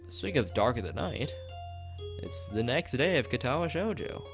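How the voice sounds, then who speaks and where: Reading a visual novel aloud on stream, this man speaks in a sing-song, medium-pitched voice at a moderate pace, adding offhand comments as he goes. He frequently trips over lines and says phrases twice, and music plays in the background.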